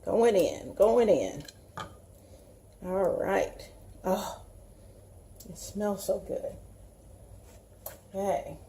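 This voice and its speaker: A woman's voice: medium pitch, expressive, drawn-out words, long pauses, dark tone, slight background noise. A woman with a Southern US accent, chatting in a folksy way to viewers as she hosts a casual home cooking demonstration. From Southern United States. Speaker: home cooking show host.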